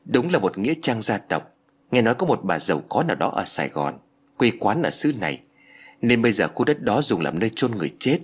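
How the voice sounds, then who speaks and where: A man narrating a ghost story with a dramatic, expressive reading. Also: fairly low pitch, fairly quick, slightly rough.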